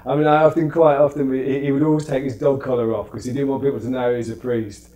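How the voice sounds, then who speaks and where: A man's voice: medium pitch, level tone, dark tone. Chatty British man telling stories. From United Kingdom. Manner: chatty storytelling with quick voiced asides. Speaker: stand-up comedian guest. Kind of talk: casual interview anecdotes.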